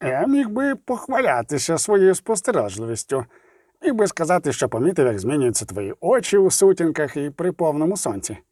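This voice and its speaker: A man voicing a gruff, blunt male dwarf leader in an audiobook, mocking and quick to swear. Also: fairly high pitch, big pitch swings, warm tone, dry recording, studio quality. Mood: sly. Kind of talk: audiobook reading.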